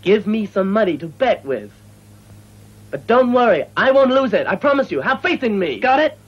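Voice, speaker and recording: High-pitched cocky old beggar. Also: male voice, sing-song, normal speed, breathy edge, full character voice. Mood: boastful, persuading. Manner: boastful, persuasive, chuckling hawker. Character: cocky, cheerful old beggar fortune-teller. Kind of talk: dubbed martial arts film acting. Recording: muffled old film dub with music.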